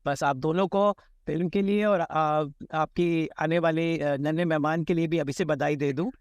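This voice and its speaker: A man's voice: on the high side, steady tone, normal speed, clean tone, no echo, clean studio sound. A man interviewing film guests, asking long winding questions with fillers.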